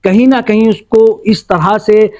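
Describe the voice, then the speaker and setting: A man's voice: high voice, fairly even intonation, a little slow, a little mellow. A man working as a local news reporter, asking leading questions and leaning on stock phrases. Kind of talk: field interview.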